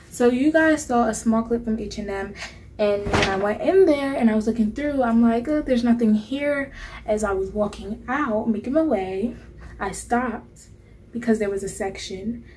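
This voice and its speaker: A woman's voice: mid-range voice, a little mellow, slight background noise. A young woman vlogger chatting casually about her shopping haul in her bedroom, playful and laughing often. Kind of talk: casual haul vlog talk. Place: bedroom indoors. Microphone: camera mic at close range.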